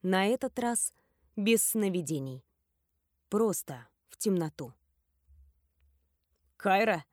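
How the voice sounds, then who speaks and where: Woman audiobook narrator, steady first-person fantasy read, dry close studio sound. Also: mid-range voice, slow, pauses often, no room sound. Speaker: audiobook reader.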